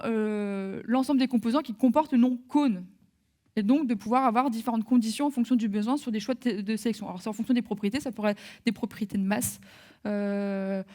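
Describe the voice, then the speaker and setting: A woman giving a live software training webinar, talking through steps with many fillers and restarts. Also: a little high.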